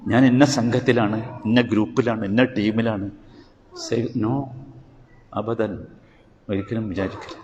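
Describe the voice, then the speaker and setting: A male preacher giving a sermon, asking rhetorical questions and swinging between emphatic highs and quiet lows. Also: steady tone, unhurried, long pauses, dull audio. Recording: hall reverb with faint ambient noise.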